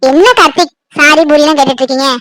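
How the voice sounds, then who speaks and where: Someone voicing a very high-pitched young bride. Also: steady tone, fast, pushed and bright, no echo. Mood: caring. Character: shy young newlywed bride, caring and gentle. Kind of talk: cartoon voice acting.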